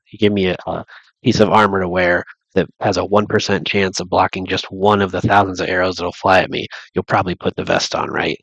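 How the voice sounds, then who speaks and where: Low, gravelly man with a stuffy nose. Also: a bit bright, no echo, low-quality recording. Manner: thinking aloud, many restarts and fillers. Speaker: vlogger. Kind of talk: casual rambling monologue.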